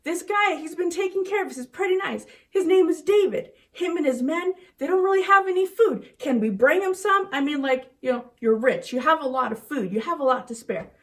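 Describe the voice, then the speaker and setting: A woman's voice: sits high, lively intonation, fairly quick, hardly any pauses, recorded from a distance, voice pushed up. A woman voicing a group of male workers pleading with their rich boss for food.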